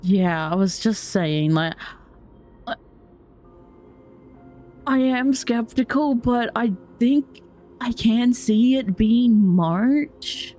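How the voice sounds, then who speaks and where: A woman's voice: a little high, lively intonation, extremely slow, pauses often, warm tone, soft background music. A woman giving casual let's play commentary, informally musing aloud as she plays and reads along. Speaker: gaming streamer.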